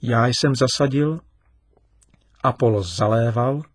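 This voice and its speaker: A man's voice: mid-range voice, natural voice. A man playing a kind, patient father. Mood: explaining. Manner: calm, kindly explaining, lively emphasis.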